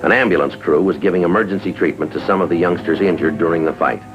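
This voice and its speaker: Low-voiced and fast-talking with light acting, this American man portrays a 1950s drama's police detective lieutenant and narrator. He sounds stoic, businesslike and clipped, flat and official in mood, with music playing under a dull vintage TV soundtrack.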